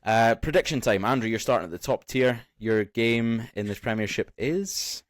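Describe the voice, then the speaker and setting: A man's voice: medium pitch, animated, moderate pace, dry recording, clean studio sound. A man hosting a casual football podcast, bantering as he leads the segments. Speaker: podcast host.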